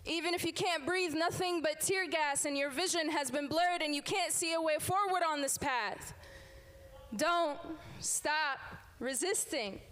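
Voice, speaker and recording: Her high, somewhat bright voice takes its time as this young woman from Sudan, a teacher and poet, performs spoken word at a live event. Before the audience in the room, she leans on an emphatic, rhythmic refrain.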